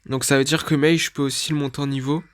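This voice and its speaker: A man's voice: medium pitch, level tone, quick pace. A man giving casual let's-play commentary, thinking aloud as he reads through menus and often admits he is unsure what things mean. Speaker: gaming video creator.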